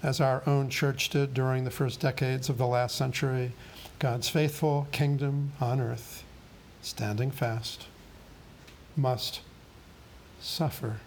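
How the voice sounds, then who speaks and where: A man preaching a sermon in a solemn, deliberate way, with grave pauses. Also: medium pitch, steady tone, a little mellow, a little hiss or hum.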